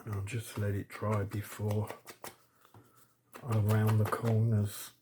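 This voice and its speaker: A man's voice: lowish voice, completely flat delivery, slow, background noise. A man hosting a casual crafting tutorial, chatty and thinking aloud as he works. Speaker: crafting channel host.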